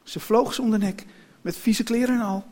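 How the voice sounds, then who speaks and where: A man reading a children's story aloud in an expressive storytelling manner. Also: sits high, normal speed.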